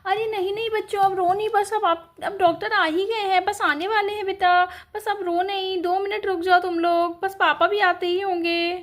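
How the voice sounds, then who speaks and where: A woman's voice: extremely high pitch, fairly even intonation, moderate pace, few pauses, pitched above the performer's own voice. A woman voicing Nimmo, a protective mother who soothes her children and pleads with the doctor. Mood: soothing.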